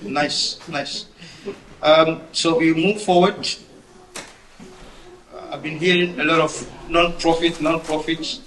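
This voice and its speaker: A man's voice: fairly high pitch, fairly even intonation, slow pace, long pauses, fairly bright tone. A man hosting a gala, introducing speakers and teasing them playfully. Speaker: event host. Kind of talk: emceeing. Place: event hall. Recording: echoey hall, clear noise.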